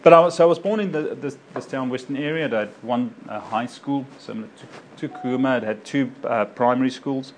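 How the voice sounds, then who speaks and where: Talking fairly quickly in a mid-range voice, a South African doctor shares an informal personal talk with a local group. He rambles, stacking fillers and correcting himself, over slight background noise.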